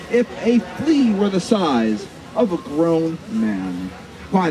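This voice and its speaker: A man working as a flea circus showman, delivering grandiose, mock-formal carnival patter to a live audience with dramatic, drawn-out emphasis. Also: a little high, poor audio. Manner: mock-formal, addressing onlookers as ladies and gentlemen. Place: live public show at a community event. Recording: live event with crowd noise behind. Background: audience crowd.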